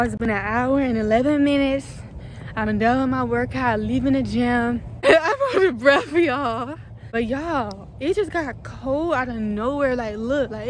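A young woman in college vlogs her day on a handheld phone, chatting loose and slangy with her viewers. Her voice sits a little high. Clear background noise from around campus runs under it. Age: young adult. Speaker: college student vlogger. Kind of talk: casual vlog chat.

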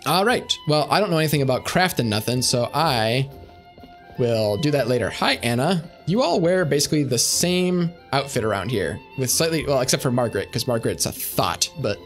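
A man's voice: medium pitch, big pitch swings, fairly quick, faint music behind. A young man streaming a game, rambling with sarcastic asides. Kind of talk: casual gameplay commentary.

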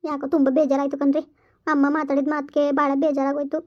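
A woman's voice: sits high, completely flat delivery, fast, highs cut off, close to an everyday voice. A woman acting a young village wife in a homemade drama, talking in a pleading, emotional way. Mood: hurt pleading. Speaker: [name].

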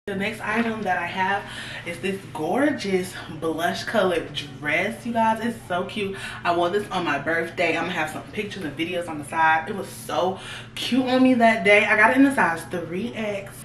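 A woman's voice: lowish voice, moderate pace, a bit bright, slight background noise. A young woman, chatting casually to viewers as she tries on clothes in a fashion haul. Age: 20s. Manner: chatty, talks straight to viewers. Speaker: fashion vlogger. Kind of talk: casual try-on haul chat. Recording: echoey room, voice a little far from the mic.

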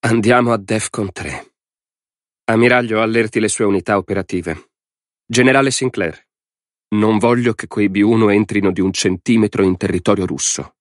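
A man's voice: on the low side, steady tone, fairly quick, few pauses, darkish tone, no room sound, lightly acted. A frightened, reluctant president forced into a grave choice, his voice tight and lifted above the reader's usual tone, as a man puts him on. The recording is dry and close. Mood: commanding. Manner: strained, hesitant.

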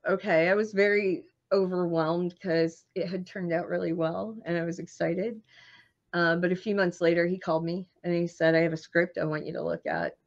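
Lower-voiced woman chatting in an interview, storytelling, laughs a lot, kinda muffled audio. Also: gravelly. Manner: animated anecdotal storyteller, laughs often. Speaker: screenwriter and marketing guest.

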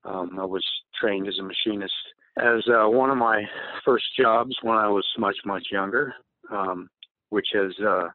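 A man's voice: fairly low pitch, measured pace, dry recording. A man, a race team mechanic, talking as a podcast guest over a remote call, answering with many fillers and restarts. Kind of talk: casual interview answers. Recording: tinny phone line.

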